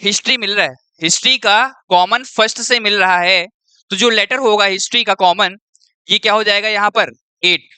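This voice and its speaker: A man's voice: high-pitched, moderate pace, bright, forceful tone, smooth, dry recording. A male teacher talking through an exam-prep lesson step by step. He keeps checking in with the students as he goes. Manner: checks in with students often and keeps saying "your".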